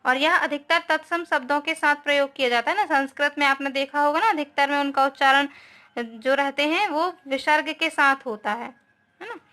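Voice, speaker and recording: A woman teaches a grammar lesson in a high, bright voice. She explains patiently, keeps checking understanding with little tag questions, and slips English words into her Hindi. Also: normal speed. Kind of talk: online class lesson.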